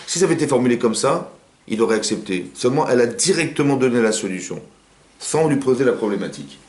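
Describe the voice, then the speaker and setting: A man who is a rabbi giving an informal Torah class in a private home, talking quickly and firing rhetorical questions at his listeners. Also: mid-range voice. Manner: rapid, animated, asks the audience rhetorical questions. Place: living room of a private home. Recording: roomy home recording.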